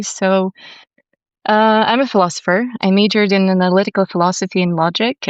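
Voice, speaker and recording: A young woman from Latvia, a podcast guest speaking in a calm, soothing and articulate way. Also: medium pitch, smooth, no room sound, lo-fi sound. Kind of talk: conversational interview.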